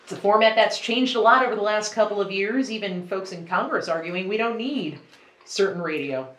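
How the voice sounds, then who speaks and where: A woman's voice: mid-range voice, brisk. A woman casually hosting a challenge, guiding guests and posing questions. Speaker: challenge host. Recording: echoey room.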